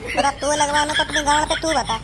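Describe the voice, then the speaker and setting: A woman's voice: high voice, fairly even intonation, a little fast, over a noisy crowd, natural voice. A woman doing a foul-mouthed bullying train regular. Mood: menacing. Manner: abusive, threatening. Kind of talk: comedy sketch acting.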